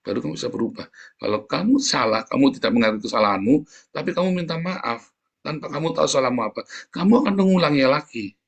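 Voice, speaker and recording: A middle-aged male preacher with a husky, slightly breathy voice. He talks to his congregation in a loose, conversational way and brings his stories to life by acting out the people he quotes. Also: mid-range voice, quick pace. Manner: animated storytelling, acts out quoted voices, addresses congregation directly. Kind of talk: conversational sermon.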